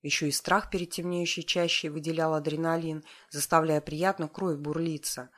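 A woman's voice: sits low, steady tone, normal speed. A woman reading a first-person novel aloud as an audiobook, with a wry, stubborn tone. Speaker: audiobook narrator.

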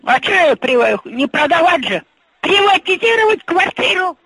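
A woman's voice: extremely high pitch, sing-song, normal speed, bright, forceful tone, no echo, poor audio. An older woman on the phone who cannot hear well, repeating herself in confusion.

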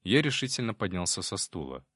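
A man with a lowish voice narrates an audiobook in a calm, measured way. His delivery is lively in pitch, and the recording is dry and close. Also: dry recording. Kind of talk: scripted narration.

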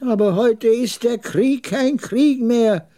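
A man voicing a proud, scornful old male camel dealer with a jagged, raspy voice in a radio story. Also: very high voice, takes it slowly, dark tone, voice pushed up. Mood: resigned. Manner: haughty, curt, mocking.

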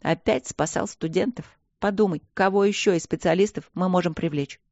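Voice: mid-range voice, normal speed, a little mellow, no echo, close to an everyday voice. A reader voices a stern male intelligence chief in a storybook, dry and curt in every remark. The recording is dull and close, with no room sound.

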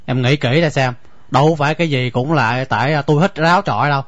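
A man voicing a stubborn young village husband with a Southern Vietnamese accent, stammering and halting as he pleads. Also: medium pitch, no echo, natural voice. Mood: pleading. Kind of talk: radio drama acting. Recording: dull dry lo-fi recording, faint music.

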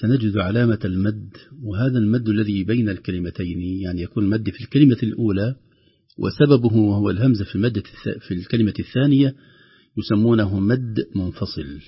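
A man teaching the rules of Quran recitation, calmly explaining each rule and then slowly chanting the example phrases. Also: lowish voice, slightly rough, highs cut off. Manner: calm explaining, with slow drawn-out recited examples. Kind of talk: tajweed lesson with recited examples.

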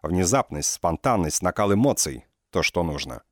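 A male narrator reads an audiobook in a very low voice. His delivery is measured, with a dry ironic edge. The recording is close and dry with no room sound. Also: sing-song, no echo. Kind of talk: scripted narration.

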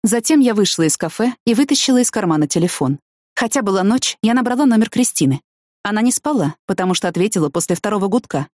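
A woman's voice: medium pitch, expressive, fast talker, darkish tone, dry recording. Woman reading a novel aloud, dry. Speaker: audiobook narrator. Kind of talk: first-person novel reading.

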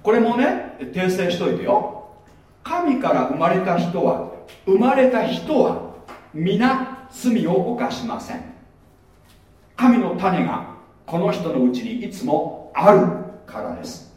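A man's voice: sits high, big pitch swings, takes it slowly, a little mellow. A middle-aged male pastor preaching a sermon in a chatty, conversational way, often putting questions to his congregation. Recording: echoey hall, mic far off.

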